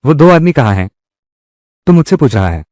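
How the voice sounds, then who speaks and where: A man's voice: mid-range voice, sing-song, normal speed, darkish tone, no room sound, natural voice. A man dubbing a menacing tough guy in a revenge drama, with a threatening, confrontational delivery in a close studio recording. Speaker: dubbing voice actor. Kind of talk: Hindi dub of a live-action drama.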